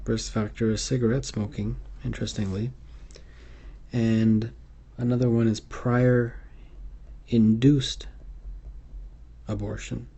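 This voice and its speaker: A man's voice: medium pitch, little pitch movement, a little slow, gravelly, mellow. A man giving an unscripted medical exam tutorial over slides, hesitant and full of fillers and restarts. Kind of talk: unscripted instructional lecture.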